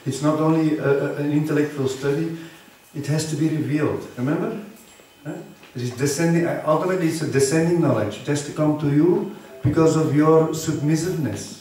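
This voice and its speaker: A man's voice: on the high side, brisk, mellow. Guy preaching in a big temple hall, heavy echo, mic far off, keeps going "eh? huh?" at the crowd. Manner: earnest, quizzes audience with tag questions. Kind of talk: sermon on scripture. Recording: very echoey hall, distant mic.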